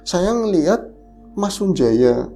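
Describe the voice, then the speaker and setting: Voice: medium pitch, sing-song, takes it slowly, dark tone, faint music behind. A podcast host animatedly retelling a horror story in casual chat, the voice leaping up at the scary moments.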